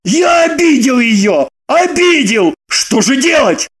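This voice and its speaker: An actor playing an excitable young man who bursts into shouts and pleads desperately. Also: sits high, measured pace, exaggerated voice. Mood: pleading. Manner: loud, shouting outbursts.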